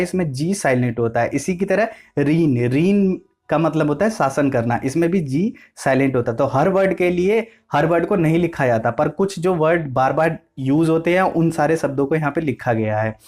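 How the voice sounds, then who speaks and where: A man teaching basic English in a slow, repetitive way, spelling words out letter by letter and explaining them. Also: a little high, animated, darkish tone. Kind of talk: explanatory lesson.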